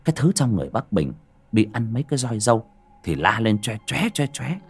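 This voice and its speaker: A man narrating a horror audiobook in an expressive storytelling manner. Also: fairly low pitch, brisk, husky, soft background music.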